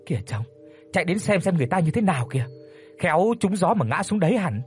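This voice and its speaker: A man voicing a worried young peasant wife who speaks in anxious, hurried pleas, in a spoken horror story. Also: sits high, sing-song, darkish tone, faint music behind, pitched above the performer's own voice.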